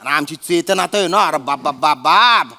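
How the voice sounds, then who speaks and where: An actor playing a boisterous, teasing son-in-law in a stage comedy sketch. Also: male voice, on the high side, lively intonation, fairly quick, heavily acted. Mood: jovial. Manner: loud, jovial, teasing. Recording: stage with long reverb.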